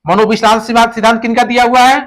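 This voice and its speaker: A man's voice: extremely high pitch, little pitch movement, racing, fairly bright tone. A male teacher giving a classroom lecture, explaining points through stories and repeating the key terms.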